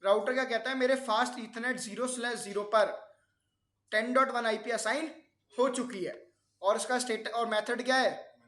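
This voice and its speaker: A man's voice: extremely high pitch, fairly even intonation, normal speed, fairly bright tone, roomy sound. A man teaching a networking class, explaining step by step and often quizzing his students with questions. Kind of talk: classroom lecture.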